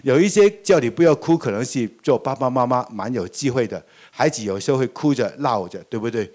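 An older man, a pastor, preaching a sermon in a lively way, often asking the congregation questions and laughing. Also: mid-range voice, fairly quick.

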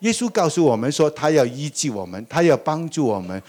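An older man, a pastor, preaching a sermon in a lively way, often asking the congregation questions and laughing. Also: on the high side, a little fast.

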